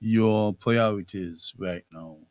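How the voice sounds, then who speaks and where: A middle-aged man hosting a radio interview show, speaking in a measured way and repeating phrases for emphasis. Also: lowish voice, darkish tone. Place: radio studio.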